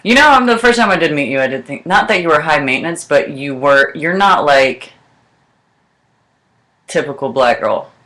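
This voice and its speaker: Brief: young woman co-host, bright and lively, lower-pitched, blunt and crude casual chatter. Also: normal speed. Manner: blunt, profane, laughs often. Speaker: podcast co-host. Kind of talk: casual chat.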